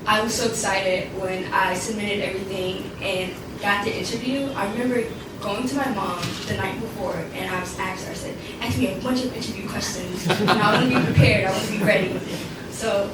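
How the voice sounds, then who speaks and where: Young woman, earnest event speech, very echoey hall, heard from a distance, loud background noise. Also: mid-range voice, steady tone, brisk, hardly any pauses. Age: young adult. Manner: earnest, laughs between lines. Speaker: alumni speaker.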